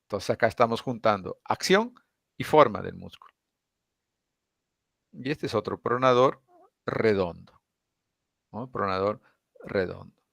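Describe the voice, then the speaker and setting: A man teaching an introductory anatomy class, explaining step by step and often checking in with quick tag questions. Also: lowish voice, creaky, no echo, studio quality. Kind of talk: lecture.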